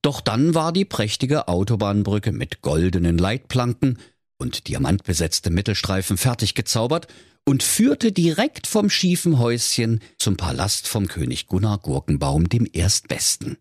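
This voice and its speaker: A man's voice: fairly low pitch, wildly swooping pitch, moderate pace, breathy edge, no echo, clean studio sound. A middle-aged man with a Saxon accent narrating a comic fairy tale playfully for children. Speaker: storyteller.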